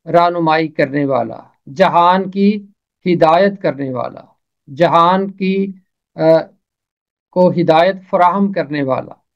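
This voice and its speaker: A man teaching an Urdu pronunciation lesson, saying each example phrase twice in a measured way. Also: high-pitched, muffled recording.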